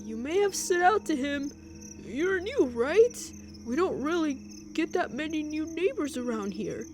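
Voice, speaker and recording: A woman's voice: sits high, sing-song, a little slow, a little mellow, faint music behind. Woman putting on a chirpy young neighbor girl. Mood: cheerful. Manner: chirpy and teasing.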